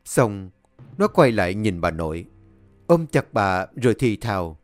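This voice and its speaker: Male storyteller, animated pitch, dry close recording. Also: measured pace, no room sound, soft background music. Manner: voices each character with high pleading tones. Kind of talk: dramatic horror story narration.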